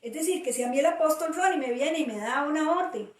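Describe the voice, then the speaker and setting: Middle-aged woman pastor, high voice, emphatic preaching that drives points home by repetition. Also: expressive, quick pace. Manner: emphatic, repeats key phrases. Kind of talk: preaching talk. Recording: roomy audio from a distant mic.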